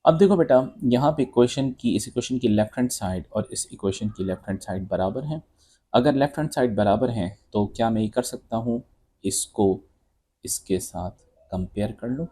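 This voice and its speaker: A man with a mellow, slightly rough, mid-range voice teaches physics at normal speed. He works through exam questions step by step, calling his students "beta" and "bhai" in this solution walkthrough lesson.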